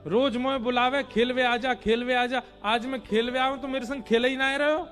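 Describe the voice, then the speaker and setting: A man's voice: extremely high pitch, fairly even intonation, moderate pace, fairly bright tone, big-room sound, soft background music, voice pushed up. A man voicing the playful, mischievous child god Krishna, chiding in a teasing village dialect.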